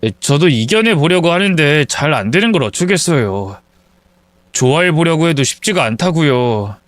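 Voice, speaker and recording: A man's voice: on the high side, sing-song, moderate pace, no room sound. A man doing a timid, apologetic son near forty. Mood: pleading. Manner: pleading, apologetic. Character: timid son, nearly forty, afraid of water.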